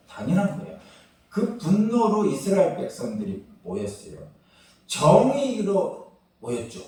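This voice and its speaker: Male pastor, lively sermon delivery, soft asides to loud peaks; distant mic in a reverberant church. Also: medium pitch. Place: church sanctuary. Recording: roomy echo, from far off the mic.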